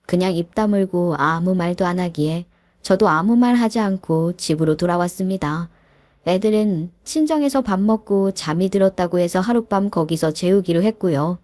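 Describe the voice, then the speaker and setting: Warm woman narrating a first-person story. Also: on the low side, normal speed, dry recording. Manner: confiding, indignant storytelling.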